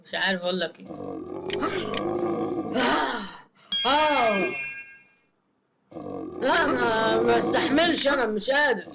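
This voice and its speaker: A man with an Egyptian Arabic accent commentating his gameplay in a joking, excitable way, often laughing. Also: extremely high pitch, moderate pace, gravelly, pauses often, very noisy. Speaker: gamer. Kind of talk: let's play commentary.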